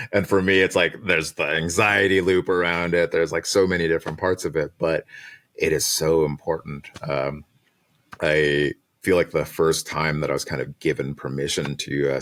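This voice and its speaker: A man's voice: rumbling low, a bit bright. A man in his thirties, a design manager talking casually in an interview, reflective and laughing often, with plenty of fillers. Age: 30s. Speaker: design manager and podcast guest.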